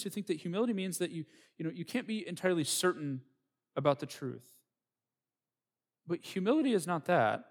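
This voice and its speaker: Earnest man preaching a sermon. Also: on the high side. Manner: earnest, reflective preaching with rising emphasis. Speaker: pastor.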